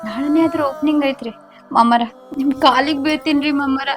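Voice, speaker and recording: A woman's voice: sits high, fairly even intonation, brisk, over music, natural voice. A woman playing a pleading village daughter-in-law. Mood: soft pleading. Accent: North Karnataka Kannada. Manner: pleading, polite address with "ri". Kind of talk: village comedy-drama acting.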